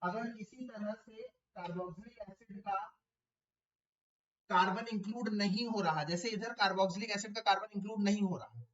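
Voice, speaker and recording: A man's voice: high voice, measured pace, fairly bright tone, muffled recording. A man teaching a chemistry class online, explaining step by step and repeating key terms, asking his students questions. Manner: addresses students as beta, asks them questions.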